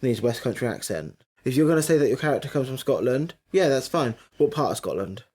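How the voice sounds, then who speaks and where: A man's voice: medium pitch, very animated, fairly quick, a little mellow, husky. Emphatic, argumentative man. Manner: emphatic, argumentative, talks over his co-host. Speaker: podcast co-host. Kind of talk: casual chat.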